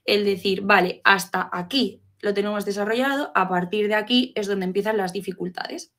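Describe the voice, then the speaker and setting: A woman's voice: mid-range voice, normal speed, fairly bright tone. A woman giving an explanatory talk to fellow professionals, asking rhetorical questions and checking in often. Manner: teacherly, poses rhetorical questions, frequent "¿vale?" check-ins. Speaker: educator giving a talk on literacy.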